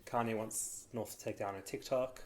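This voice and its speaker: Woman, extremely low voice, chatty rambling storyteller, casual podcast co-host. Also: steady tone, moderate pace.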